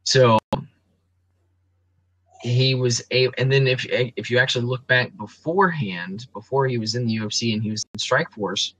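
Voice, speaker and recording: A man's voice: mid-range voice, moderate pace, a bit bright, dry recording, poor audio. A man co-hosting a casual sports podcast, breaking down fighters and records in detail with frequent ums and restarts. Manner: analytical, reels off stats with frequent ums.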